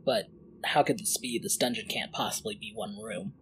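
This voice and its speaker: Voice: mid-range voice, big pitch swings, normal speed, creaky, rough recording. A game master narrating a tabletop role-playing game and putting questions to the players. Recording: faint background noise.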